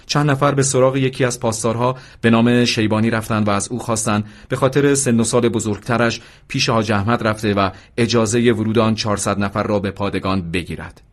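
A low-pitched man narrates an audiobook chapter in a calm, steady manner. He gives the quoted speech only a light touch and reads it as scripted narration.

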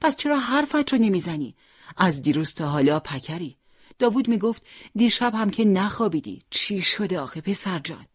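A worried, tender mother who coaxes her son and scolds gently when he shuts her out, as an audiobook reader puts her on. The voice is a little husky, raised somewhat in pitch, and sits in a dry, close room. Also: sing-song, dry recording. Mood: reproachful. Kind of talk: audiobook character reading.

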